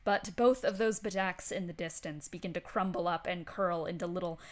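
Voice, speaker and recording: A woman's voice: lowish voice, a little fast, background noise. Woman game master narrating a tabletop game.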